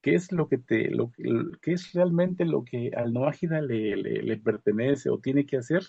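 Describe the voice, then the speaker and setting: A man gives a casual religious reflection to a study group, halting with many fillers and restarts. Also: mid-range voice, gravelly, dark tone, husky, dry recording, lo-fi sound. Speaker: study group member giving a comment.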